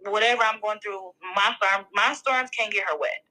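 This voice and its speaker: A young woman, a podcast guest, talking candidly and emotionally in casual chat, with quick bursts of speech. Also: medium pitch, steady tone, pushed and bright, low-quality recording.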